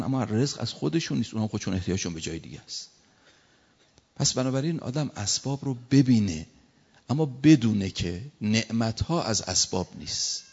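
A man's voice: lowish voice, creaky, a little mellow, breathy edge. A man preaching a sermon as a cleric, building emphasis through repeated short phrases. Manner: preaching with rising emphatic repetitions. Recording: lo-fi with long hall reverb.

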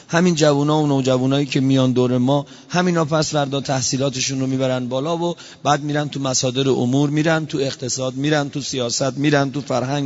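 A man preaching an impassioned sermon from a podium, pressing his points with rhetorical questions and urgent pleas. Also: fairly high pitch. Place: large hall, speaking from a podium. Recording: long hall reverb, dull lo-fi sound.

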